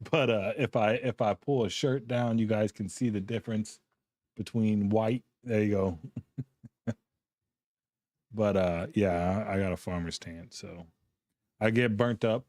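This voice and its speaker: A middle-aged man with a lowish, dry-sounding voice talks to his live stream chat from a home gaming room. He sounds worn out after a long week and rambles along easily, chuckling as he goes. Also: fairly even intonation, takes it slowly, long pauses, darkish tone, no room sound. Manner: rambling, easygoing, chuckling between thoughts. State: tired, yawning.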